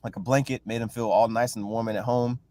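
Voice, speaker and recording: A man's voice: medium pitch, fairly even intonation, fast, darkish tone. A man leading a casual bible class, reading verses aloud and retelling them loosely, with constant "you know" and "right?" check-ins. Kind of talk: casual scripture teaching.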